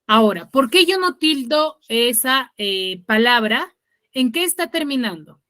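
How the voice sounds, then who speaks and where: A woman teaches an online class over a video call, her voice pitched a little high and strikingly bright. She checks understanding with frequent tag questions and corrects herself mid-sentence, and the sound is close and dry. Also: lively intonation, a little slow, no echo.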